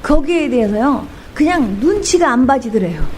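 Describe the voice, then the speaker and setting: A woman pastor giving an animated testimony sermon, telling a story with fervor and breaking into bits of hymns. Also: high voice, normal speed, slight background noise. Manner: animated storytelling, sings hymn snippets, fervent.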